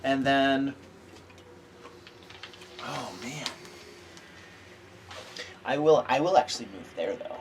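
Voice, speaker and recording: A man's voice: medium pitch, animated, slow pace, long pauses. A man running a tabletop fantasy game, switching between descriptive narration and casual table talk. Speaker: game master. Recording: clearly noisy room.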